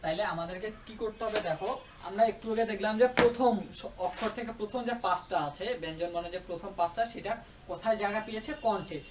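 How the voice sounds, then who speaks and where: A man's voice: high-pitched, fast talker, far from the mic, noisy background. Male tutor, questioning, echoey. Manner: checks understanding with repeated questions. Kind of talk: explaining grammar lesson. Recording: roomy echo, away from the mic.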